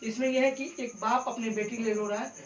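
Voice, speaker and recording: A man's voice: very high voice, steady tone, brisk, reverberant, recorded from a distance, poor audio. A man teaching acting in a casual vlog, explaining with many fillers.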